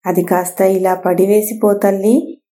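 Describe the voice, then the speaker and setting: Woman voicing a little fire about to go out, begging, soft mellow tone. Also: medium pitch, flat delivery, a little slow, lightly acted. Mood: pleading. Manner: pleading. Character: dying campfire begging for help.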